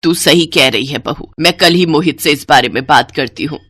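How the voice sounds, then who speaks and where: A woman's voice: deep voice, normal speed, a bit bright, breathy edge, no echo, pitched below the performer's own voice. A woman voicing a harsh, bossy older mother-in-law who scolds with contempt. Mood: scheming.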